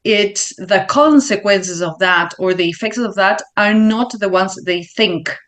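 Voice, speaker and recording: A woman with a Uruguayan Spanish accent, a learning consultant being interviewed, speaking English as a second language and pausing to find her words. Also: medium pitch, a bit bright. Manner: thoughtful, searching for words with fillers. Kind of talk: interview answers.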